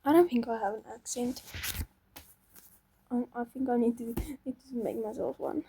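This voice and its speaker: Playing a game, this young gaming channel host keeps up casual, talkative commentary to herself, often doubting herself. Her voice is a little high with vocal fry, at a normal speed, against a noisy background.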